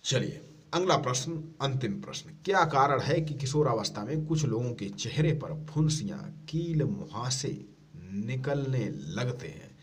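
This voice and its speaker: A man teaching an exam-prep lesson, reading each question and then giving the answer in a lower voice, explaining patiently. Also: expressive, unhurried, recorded from a distance.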